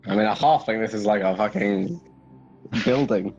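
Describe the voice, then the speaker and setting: A man's voice: on the low side, expressive, moderate pace. A man playing in a tabletop game, blunt and casual, swearing offhandedly. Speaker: player. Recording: dull lo-fi mic, faint music behind.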